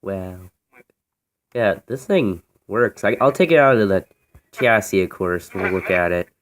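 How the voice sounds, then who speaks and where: An American radio hobbyist shows off a vintage radio in a casual, unscripted phone video, his deep voice lively in intonation and a little slow. The handheld recording is noisy and full of clicks.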